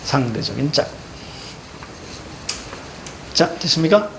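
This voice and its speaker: A man's voice: fairly high pitch, expressive, slow, vocal fry, noisy background. A man teaching a Korean reading class, walking students through a text and checking their understanding with short prompts. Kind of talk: classroom lecture.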